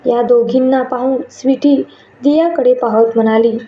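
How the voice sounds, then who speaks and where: A woman's voice: fairly high pitch, steady tone, normal speed, a little hiss or hum. A woman reading a scripted story aloud, giving each character a lightly shifted voice. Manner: reads dialogue lines in lightly shifted voices. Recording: muffled and echoey room.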